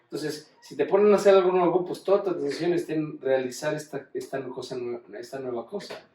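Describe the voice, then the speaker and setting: A man's voice: on the high side, steady tone, brisk, warm tone, slight background noise. Man as an informal teacher; chatty and self-correcting, recorded from afar in a roomy space. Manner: conversational, many restarts and rhetorical questions. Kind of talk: informal lecture. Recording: roomy room, distant mic.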